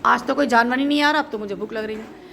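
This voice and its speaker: A gruff, hungry lion who rules the jungle, grumbling and demanding in a low, high-toned storybook voice, as a woman puts him on. He sounds quick to anger and easily fooled. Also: a bit bright, a little hiss or hum. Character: hungry, angry male lion king of the jungle. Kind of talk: storytelling for children.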